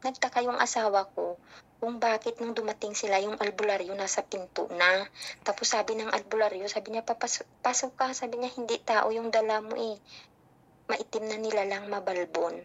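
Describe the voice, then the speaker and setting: A woman's voice: mid-range voice, moderate pace, dull audio. A middle-aged woman, casually telling a story about her child and acting out what people said. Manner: animated storytelling, acting out dialogue.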